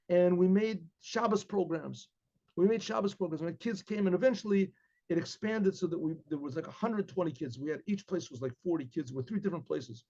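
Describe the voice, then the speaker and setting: This older American storyteller, recorded by a desk webcam in his book-lined study, wanders through a tale for an informal class with frequent throat-clearing and repeated words. The pitch is slightly high and the tone warm, captured in lo-fi sound.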